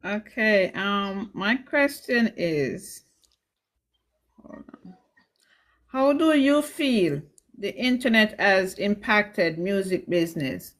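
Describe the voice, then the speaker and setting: A woman's voice: medium pitch, animated, slow, long pauses. A woman asking a musician questions in a casual online interview, speaking briefly and agreeably.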